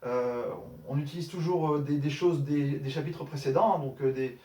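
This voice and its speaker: Far from the mic in an echoey room, a man with a fairly high-pitched, dark-toned voice speaks at a moderate pace. He's going through Arabic grammar exercises in French, correcting them step by step, using many fillers and often checking that everyone follows.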